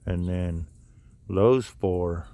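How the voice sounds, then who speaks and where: A man's voice: low voice, drawn-out words, warm tone, no room sound. A man hosting a casual outdoor live stream, talking in a loose, rambling way with many asides and restarts. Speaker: livestream host. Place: outdoors near wind turbines, breezy.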